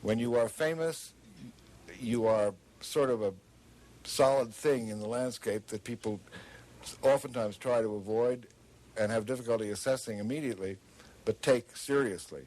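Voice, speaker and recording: A man reflecting deliberately in a documentary interview. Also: mid-range voice, a little mellow.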